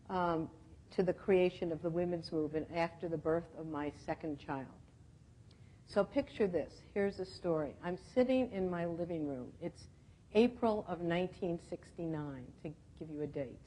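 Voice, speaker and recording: A woman's voice: fairly low pitch, dark tone, poor audio. Older woman telling her story at a podium. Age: 70s. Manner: reflective, clears her throat often, laughs at her own slips. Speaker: conference speaker. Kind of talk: personal storytelling talk. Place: conference room with audience.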